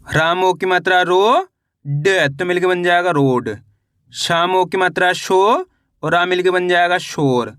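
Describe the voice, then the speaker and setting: Man, reading teacher, high and bright voice, dry close sound, sounds out syllables slowly and deliberately. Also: no echo. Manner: slow and deliberate, sounding out syllables then repeating each word. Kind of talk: spelled-out reading lesson.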